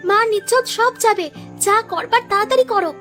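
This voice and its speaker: A woman's voice: very high voice, a bit bright, faint music behind. A woman voicing a sly, bossy village woman in a cartoon, plotting and hurrying her partner along. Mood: scheming. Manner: conniving, bossy, quick. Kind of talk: cartoon dubbing.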